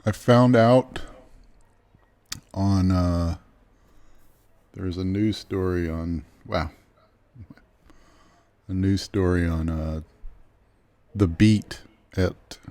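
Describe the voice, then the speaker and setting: A man with a low voice talks very slowly, rambling a little as he chats. He co-hosts a casual podcast and talks while he draws. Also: warm tone, dry recording. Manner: slow, rambling, self-deprecating. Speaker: podcast co-host and artist. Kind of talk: casual chat while drawing.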